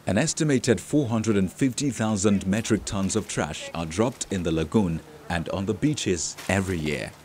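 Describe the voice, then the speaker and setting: Deep-voiced man narrating a news feature. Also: moderate pace, few pauses. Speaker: report narrator.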